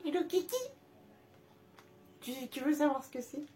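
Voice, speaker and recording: A woman's voice: high-pitched, normal speed, mellow, a little hiss or hum. A young woman chatting casually through a shopping haul, gushing over cute items with many fillers and restarts. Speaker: haul vlogger. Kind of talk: casual haul video chat.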